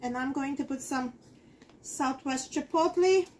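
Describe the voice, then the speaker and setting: Chatty high-voiced woman demonstrating cooking. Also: measured pace, a little mellow. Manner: chatty, talks to viewers while cooking. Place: home kitchen, indoors. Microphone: fixed camera in front of the counter.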